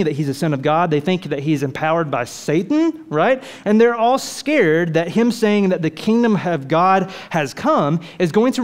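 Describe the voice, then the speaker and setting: Brief: male pastor, a bit high-voiced, chatty sermon delivery with lots of questions. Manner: lively, conversational preaching with rhetorical questions.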